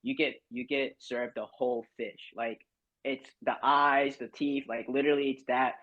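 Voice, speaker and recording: On a podcast, a young guest from Barbados talks casually and meanders, leaning on fillers and frequently restarting. The audio is dull, and his medium-pitched voice moves at a normal speed.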